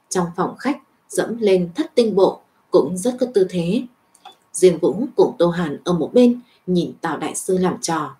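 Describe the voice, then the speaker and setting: A woman with a rather low voice narrates a web novel aloud, keeping an even storytelling tone and lifting it slightly for dialogue.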